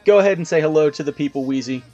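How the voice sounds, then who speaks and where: A man's voice: fairly high pitch, racing, dark tone, muffled recording, faint music behind. A man hosting a casual video interview, chatting informally and wordily with some swearing. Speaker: host of a video channel.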